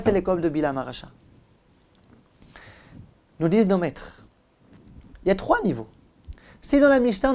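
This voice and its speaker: Teaching Torah, this rabbi lectures with emphasis, repeating himself for effect and asking his listeners direct questions. His voice is high-pitched with a slightly mellow quality.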